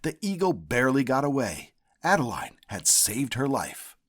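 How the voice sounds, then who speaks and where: A man reads a children's picture book aloud from a script, telling the story in a deliberate, expressive way. His pitch roams freely as he narrates.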